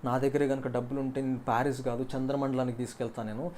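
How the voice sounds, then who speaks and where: Man doing a sweet-talking playboy, bragging and smooth, voice dropped low and mellow, rattling the lines off fast. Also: little pitch movement, slight background noise, close to an everyday voice. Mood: boastful. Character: smooth-talking young male playboy boasting.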